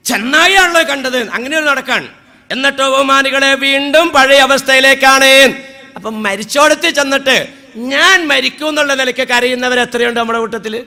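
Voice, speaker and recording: A man's voice: very high voice, sharp tone. A man, giving a humorous sermon with dramatic wailing impressions and chanted verses. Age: 50s. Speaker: Islamic preacher.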